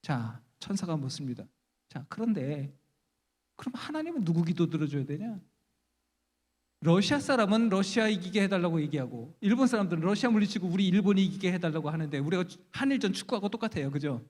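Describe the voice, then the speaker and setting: Male guest lecturer, teaching in a chatty, humorous way and quizzing the crowd; a slightly high voice carrying through a reverberant chapel. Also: expressive, fairly quick, a little mellow. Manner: chatty, asks the audience questions, humorous. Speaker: guest lecturer at a church Bible conference. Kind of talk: conversational Bible lecture. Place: large church chapel.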